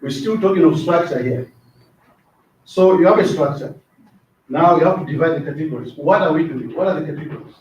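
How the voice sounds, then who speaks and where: Speaking briskly in a slightly high, darkish voice, a middle-aged trainer from Zambia gives a casual lecture in a training classroom, repeating words and often asking "right?" The recording sounds dull, picked up by a distant mic in an echoey room.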